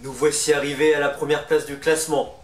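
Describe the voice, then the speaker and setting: A man's voice: on the high side, flat delivery, a little fast, some chatter behind. A man hosting a ranking in casual, chatty, opinionated commentary. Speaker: video host presenting a ranking. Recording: roomy, distant mic, music underneath. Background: music.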